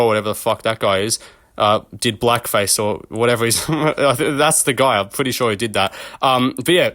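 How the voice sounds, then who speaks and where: A man's voice: medium pitch, a bit bright, no echo, clean studio sound. A young man hosting his own channel, riffing in a casual off-the-cuff commentary style. He rambles, swears freely and chuckles at his own jokes. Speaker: MMA commentary channel host.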